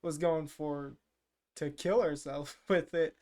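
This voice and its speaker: A man's voice: fairly high pitch, steady tone, slow pace, mellow. A man co-hosting a podcast, recapping a movie in loose, jokey, profane chat full of "uh" and "like". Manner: rambling, filler-heavy, profane, jokey. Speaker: podcast co-host.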